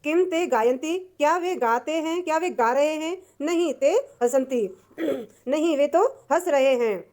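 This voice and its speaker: A woman teacher explaining a textbook lesson patiently, repeating and translating each word, clearing her throat now and then. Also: sits high, measured pace, darkish tone.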